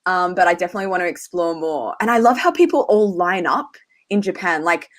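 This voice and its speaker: A woman's voice: fairly low pitch, animated, a little fast. A woman with an Australian accent hosting a casual livestream chat, talking with lots of "like" fillers. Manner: chatty, many "like" fillers. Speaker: host.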